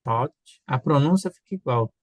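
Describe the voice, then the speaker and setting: A beginner English student with a Brazilian Portuguese accent, speaking haltingly and repeating words. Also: mid-range voice, expressive, no echo, highs cut off.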